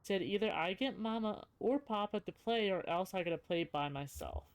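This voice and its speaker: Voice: medium pitch, animated, moderate pace, smooth, close to an everyday voice. A person reading aloud as a frightened young frontier girl from a game diary, in a plain childlike manner with folksy rural phrasing. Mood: uneasy, innocent.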